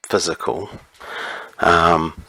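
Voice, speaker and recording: A man answering interview questions about his writing in a relaxed, measured way, often pausing with an um. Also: sits low, husky, no echo. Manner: measured, explanatory, with frequent ums. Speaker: interview guest, writer on magic.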